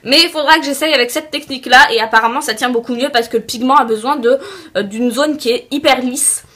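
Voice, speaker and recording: A young woman reviewing makeup products in a casual, chatty way, often pausing with fillers. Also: high voice, a bit bright. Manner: chatty, hesitant with many fillers. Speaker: beauty vlogger.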